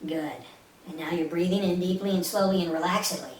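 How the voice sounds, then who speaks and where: A woman instructor guides a meditation, soothing and instructive, repeating short phrases. Her voice is on the low side and brisk, picked up by a distant mic in a roomy space with faint hiss.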